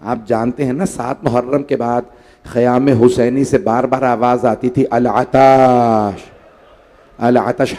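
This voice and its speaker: A man's voice: mid-range voice, warm tone. A man delivering an emotional mourning sermon. He pleads directly with the mourners and sounds tired and short of breath. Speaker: preacher at a mourning gathering. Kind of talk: emotional majlis sermon recitation.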